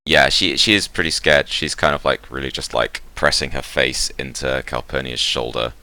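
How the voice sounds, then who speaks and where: A man's voice: a bass voice, fairly even intonation, moderate pace, pushed and bright. A man running a tabletop role-playing game, narrating and voicing characters with frequent fillers. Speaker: game master.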